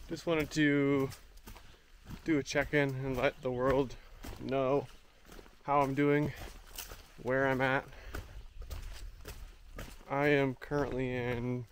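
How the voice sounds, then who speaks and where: A man's voice: medium pitch, a little hiss or hum. A young man talking to a handheld camera outdoors in a forest, in an easygoing, chatty vlog check-in while he hikes. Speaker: thru-hiker vlogger. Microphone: camera at arm's length.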